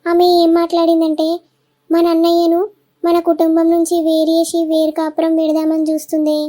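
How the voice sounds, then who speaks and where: A woman's voice: very high-pitched, monotone, fairly quick, warm tone. Woman doing a complaining younger sister with a Telangana accent. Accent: Telangana Telugu. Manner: complaining, tattling.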